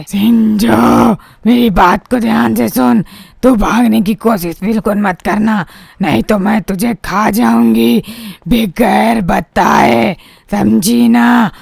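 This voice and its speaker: A woman playing a gravelly menacing villainess. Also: fairly high pitch, no room sound, studio quality, heavily acted. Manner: bossy, threatening. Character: evil dancing woman boss, bossy and menacing. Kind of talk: fan dub of a game story.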